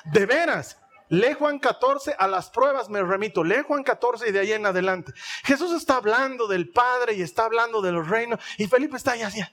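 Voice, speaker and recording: A male pastor, preaching a sermon in an animated, humorous way, acting out little scenes. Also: very high-pitched, moderate pace.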